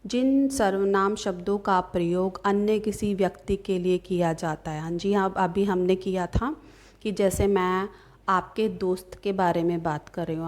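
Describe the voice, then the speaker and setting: A young woman teaching a grammar lesson, patiently explaining step by step and reading example sentences slowly and clearly. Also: on the low side, a little mellow.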